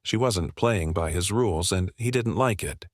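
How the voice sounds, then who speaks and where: A man narrates a scripted dramatic story in a steady, even reading. His voice sits on the low side and sounds dry and close, with no room around it. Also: moderate pace, dry recording.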